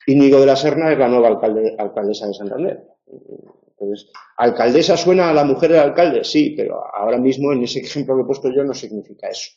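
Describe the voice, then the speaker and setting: Male lecturer, chatty and wry with lots of fillers, mellow voice in an echoey room. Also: medium pitch. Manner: chatty, wry asides, many fillers and restarts. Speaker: university lecturer. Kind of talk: informal tutoring lecture. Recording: dull roomy classroom recording.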